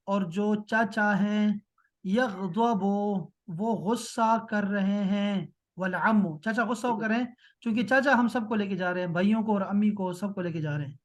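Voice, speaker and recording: A man teaching an Arabic reading class in Urdu, reading slowly and translating line by line, with frequent encouraging praise. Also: sits high.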